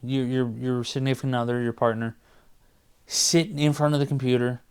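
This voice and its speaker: A man in his forties co-hosts a podcast in a medium-pitched, darkish, clean voice with a steady tone and moderate pace. His casual chat is rambling and enthusiastic, and he sometimes loses his train of thought.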